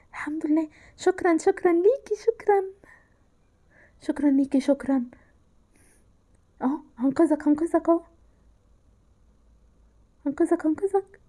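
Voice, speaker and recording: A woman with an Egyptian Arabic accent talks through a horror game she is playing. Her voice sits high but has a warm, mellow tone. She sounds frightened and exclaims a lot, often sinking into hushed whispers. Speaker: gameplay narrator.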